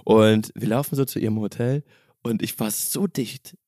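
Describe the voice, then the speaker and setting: A man around thirty co-hosting a podcast, telling an anecdote in a casual, animated way and laughing often. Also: on the low side, moderate pace, no echo, studio quality. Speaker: podcast co-host. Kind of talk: casual storytelling chat.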